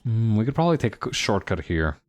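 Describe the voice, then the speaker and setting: A man thinking aloud as he streams a game. His voice is low yet lively, rising and falling freely as he muses over choices. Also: quick pace, faint music behind. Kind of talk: casual game commentary.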